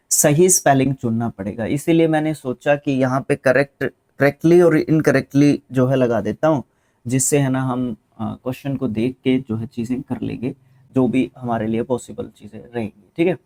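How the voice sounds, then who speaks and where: Male tutor, mid-pitched and mellow, walks through spelling answers casually. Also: normal speed. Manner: spells out English words letter by letter; casual explaining, with fillers and self-corrections. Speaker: teacher. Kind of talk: explaining a spelling test.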